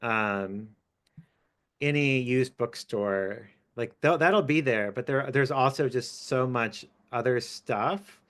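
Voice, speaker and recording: A man's voice: medium pitch, a bit bright, smooth. Thoughtful man speaking as an author. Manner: thoughtful, hesitant, many fillers. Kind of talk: academic talk.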